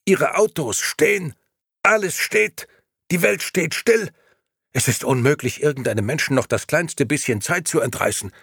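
A man doing a frantic grey gentleman messenger. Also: on the high side, expressive, moderate pace, slightly rough, no room sound, clean studio sound, pitched above the performer's own voice, heavily acted. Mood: alarmed. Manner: agitated, urgent. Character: alarmed male grey gentleman bringing news.

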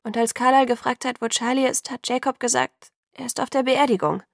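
A woman's voice: a little high, fairly quick, gravelly, dry recording, clean studio sound, pitched above the performer's own voice. A woman reading an audiobook, voicing an anxious young heroine who speaks hesitantly and breathily.

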